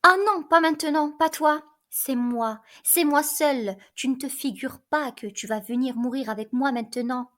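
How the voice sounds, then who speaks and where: A woman's voice: sits high, moderate pace, hardly any pauses, fairly bright tone. Antigone, a defiant young woman, read by a woman. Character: young woman, defiant, scornful, set on dying. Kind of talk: reading a play aloud.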